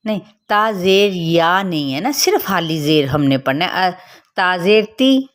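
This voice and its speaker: A woman's voice: lowish voice, expressive, normal speed. A woman teaching Quran reading, patiently explaining the rules and modelling each sound for her student. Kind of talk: step-by-step recitation lesson.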